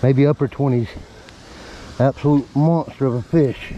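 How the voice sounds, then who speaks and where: A man vlogging from a lakeside while landing a big fish, talking excitedly to the camera. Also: medium pitch, moderate pace, dull audio, slight background noise. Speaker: fishing vlogger. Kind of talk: casual on-camera narration. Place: lakeside outdoors.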